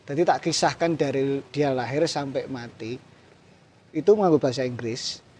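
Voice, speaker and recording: In a casual interview, a man from Central Java appears as a guest puppeteer, his mid-range voice at a normal speed over a slight hiss or hum. He has a Javanese accent, blends Javanese and Indonesian, and keeps things relaxed with frequent chuckles.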